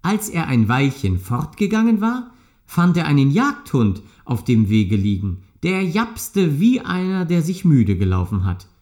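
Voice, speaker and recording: A man reading a fairy tale aloud in a slow, expressive storytelling manner. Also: on the high side.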